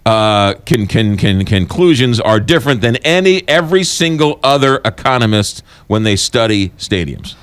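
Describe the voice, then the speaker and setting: Brisk middle-aged radio host, dry studio. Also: male voice, mid-range voice, animated, clean tone, no room sound. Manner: brisk, teasing, quick to sum up the guest's points. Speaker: radio talk show host. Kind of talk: talk radio interview. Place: radio studio with a window view of a city. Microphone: studio microphone on a boom arm.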